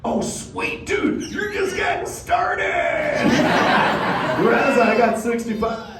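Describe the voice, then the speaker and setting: Heavily acted and very high-pitched, this male turtle-dad character swings his pitch widely and speaks slowly, drawling surfer words like "bro" and "dude." The mood is relaxed and fun during a live interactive crowd show. A far-off mic captures echoing room sound and audience noise.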